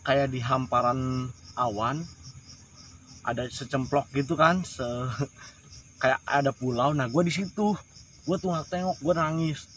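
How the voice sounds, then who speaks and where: A man's voice: medium pitch, a little hiss or hum. A man casually retelling a strange personal experience in slangy, repetitive first person, full of emotion. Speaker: storyteller. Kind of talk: casual spoken ghost-story retelling.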